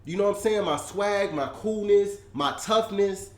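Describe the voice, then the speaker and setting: A man co-hosting a casual barbershop discussion, talking in an animated way and climbing higher when he presses a point. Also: normal speed. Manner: animated, rising pitch when stressing points. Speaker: podcast co-host. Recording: echoey room.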